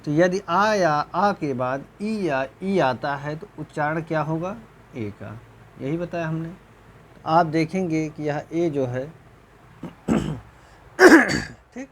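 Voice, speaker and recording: In this recorded exam-prep lecture, a male Hindi teacher covers grammar slowly, repeating himself and frequently clearing his throat. Rhetorical questions check whether students understood, his answers trail off low, and a slight hiss or hum is audible.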